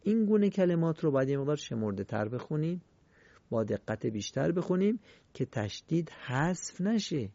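A man teaching Quran recitation in a recorded lesson, explaining rules politely and chanting example words slowly and clearly. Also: a little high, big pitch swings, warm tone, no room sound, dull audio. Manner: polite, formal teaching phrases.

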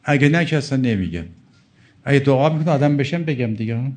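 A man's voice: mid-range voice, expressive, background noise. A middle-aged male cleric giving a religious sermon, emphatic and pleading as he quotes and explains Arabic texts. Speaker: cleric preacher.

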